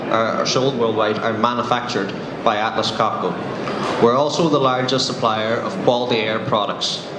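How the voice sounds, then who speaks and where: A man's voice: lowish voice, fairly even intonation, moderate pace. A man in his thirties with a Donegal Irish accent, giving a conference presentation as a sales engineer. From Donegal, Ireland. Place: conference room, indoors. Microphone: handheld microphone, recorded by a distant camera. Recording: roomy echo, loud room noise.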